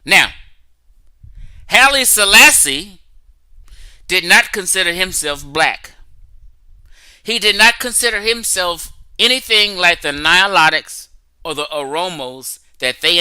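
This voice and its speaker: A man's voice: a little high, bright, forceful tone, clear, resonant tone, no room sound, low-quality recording. A man hosting a casual livestream, lecturing emphatically and checking in with his audience, often reading text aloud from his screen. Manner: emphatic, lecturing, frequent "okay?" and "right?". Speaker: online talk show host.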